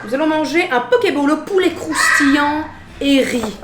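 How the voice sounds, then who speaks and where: A woman's voice: high voice, animated, moderate pace, roomy sound, noisy background. A woman cooing to her child, then presenting dinner in a gushing vlog tone. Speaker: mother. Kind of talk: affectionate chat and cooking vlog.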